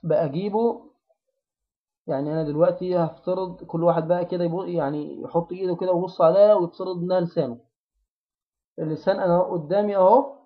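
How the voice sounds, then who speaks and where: Egyptian guy teaching recitation, slow drills, fairly high voice, dull lo-fi audio. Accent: Egyptian Arabic. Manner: slow repeated drilling of syllables and words. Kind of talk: tajweed pronunciation lesson.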